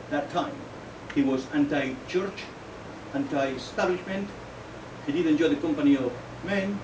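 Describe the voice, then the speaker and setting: Reading his own work at an indoor poetry event, a man with a voice on the high side delivers deliberate, declamatory lines in halting phrases, with informal asides between poems. The recording, made from off, sounds roomy, distant, dull, and noisy.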